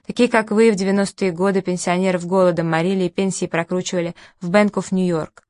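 A woman's voice: fairly low pitch, steady tone, fast talker, darkish tone, no room sound, lightly acted. A woman reading an audiobook, voicing a brash young man who jeers and heckles rudely, in a dry recording. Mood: jeering. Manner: jeering, rude.

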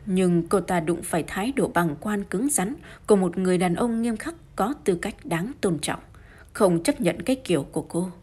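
A woman narrates a mystery audiobook in a steady storytelling manner. Her voice is low and husky. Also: moderate pace. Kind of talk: scripted narration.

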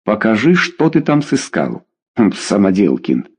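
A male reader voicing an exasperated middle-aged wife who scolds her husband in a high, shrill voice. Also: huge pitch swings, a little slow, breathy edge, heavily acted. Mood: scolding.

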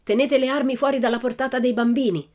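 A woman's voice: sits high, steady tone, fast, darkish tone, pitched above the performer's own voice, close to an everyday voice. A woman reader voicing a bold, cheerful young girl who talks in a breezy, boisterous, matter-of-fact way in an audiobook. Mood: cheeky, boisterous. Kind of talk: audiobook character voice.

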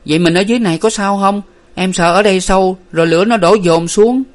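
A man's voice: sits high, fast talker, pitched above the performer's own voice, close to an everyday voice. A man reading a storybook aloud, voicing a timid, fearful younger sister who whimpers anxiously. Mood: frightened.

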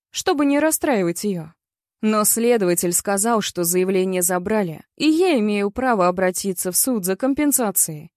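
A woman's voice: mid-range voice, darkish tone, no echo, clean studio sound. Woman reading a blunt, bitter story. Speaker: audiobook reader. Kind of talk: first-person story narration.

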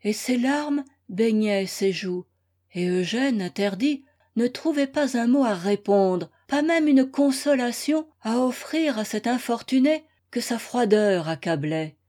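A woman's voice: fairly high pitch, animated, warm tone. A woman reading a nineteenth-century novel aloud as audiobook narration, voicing the dialogue herself. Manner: slow, measured reading with dialogue. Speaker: reader.

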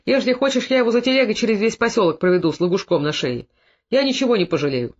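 Brief: man voicing plain-spoken earnest village father, higher voice, muffled audio. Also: expressive, fast. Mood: pleading. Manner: forthright, earnest. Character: older Cossack father, blunt and remorseful. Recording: dull lo-fi recording.

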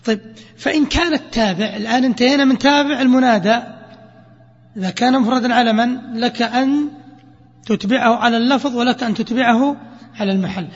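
A man teaching a grammar lesson to students, quizzing them with lively questions. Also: extremely high pitch, fast talker. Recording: dull lo-fi recording with hall reverb.

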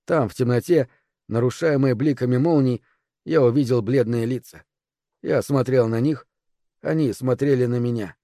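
A man reading a first-person audiobook in a measured, even voice. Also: mid-range voice, dry recording, clean studio sound. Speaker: audiobook narrator. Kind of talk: scripted first-person narration.

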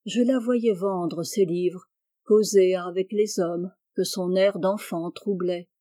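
A woman narrating a classic short story as an audiobook, measured and expressive. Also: lowish voice, dry recording, studio quality.

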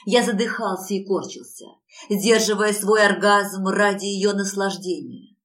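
A woman reading a first-person romance audiobook in a soft, intimate, unhurried way. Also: mid-range voice, steady tone, rough recording. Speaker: audiobook narrator.

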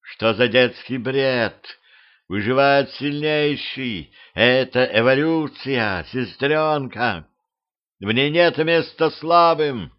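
A man voicing a cruel, power-hungry vampire queen who speaks slowly and menacingly. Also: mid-range voice, smooth, muffled recording, natural voice.

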